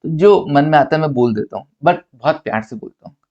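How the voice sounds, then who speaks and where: A man's voice: on the high side, expressive, fairly quick, a little mellow, highs cut off. A man from India giving a recorded accountancy lecture, teasing his students playfully and asking and answering his own questions.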